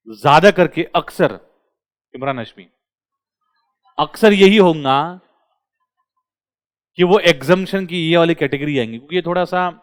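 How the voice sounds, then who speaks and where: A male commerce tutor, lecturing a classroom and quizzing his students with quick questions. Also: fairly high pitch, clear, resonant tone.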